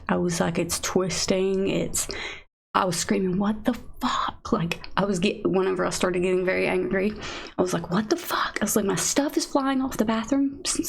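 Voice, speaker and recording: Gravelly rambling young woman streamer. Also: lowish voice. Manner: rambling, filler-heavy, frequent "like". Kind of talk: casual storytelling on a live stream.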